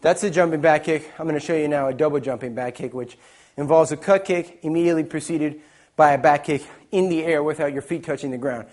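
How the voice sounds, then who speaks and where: A man's voice: on the high side, brisk, a little mellow. A man teaching a martial arts technique as an instructor, explaining it step by step in short phrases. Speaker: taekwondo instructor, presenter. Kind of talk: instructional demonstration talk.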